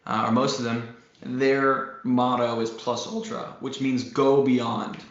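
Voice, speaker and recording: A man's voice: medium pitch, flat delivery, slow pace. A young man co-hosting a casual chat, rambling enthusiastically with many fillers and restarts. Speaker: podcast co-host. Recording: roomy, slightly dull audio.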